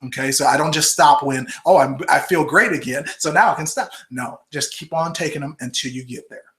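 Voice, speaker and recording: Hosting a live health webinar over a computer microphone, a man in his forties fields viewer questions casually and chattily, forever checking in with "okay?" and "all right?". His voice is fairly high and bright, and he talks a little fast.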